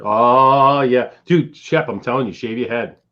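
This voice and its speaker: A man's voice: mid-range voice, measured pace, pushed and bright. A man co-hosting a casual podcast, teasing the others. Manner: teasing, jokey. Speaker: podcast co-host. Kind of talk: casual chat. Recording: dull lo-fi audio.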